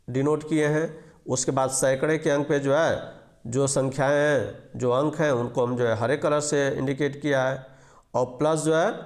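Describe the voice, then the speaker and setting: A math teacher with a fairly high, darkish voice leads a step-by-step arithmetic lesson. He is patient and repetitive, walking through each digit and quizzing his audience before answering.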